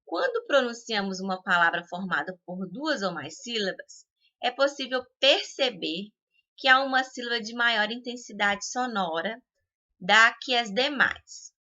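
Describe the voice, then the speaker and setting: A woman with a Brazilian Portuguese accent teaches a school lesson at a slow, patient pace. Her voice is very bright and sharp, and she stretches out each example word. The recording is dull and lo-fi. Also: fairly high pitch, lively intonation. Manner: slow, patient explaining with drawn-out example words.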